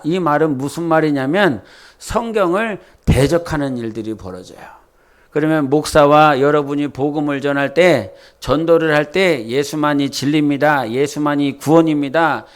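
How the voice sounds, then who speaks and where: A man preaching in a fairly high voice. He keeps the sermon chatty, firing questions at his congregation. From Jeolla, South Korea. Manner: conversational, quizzes the congregation with questions. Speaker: pastor.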